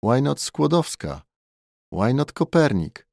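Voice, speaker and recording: A man's voice: mid-range voice, very animated, slow, vocal fry, darkish tone, no echo, clean studio sound, pitched above the performer's own voice, heavily acted. A man voicing a wary twenty-year-old male Polish tourist who answers in curt, exasperated English. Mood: wry. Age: 20s.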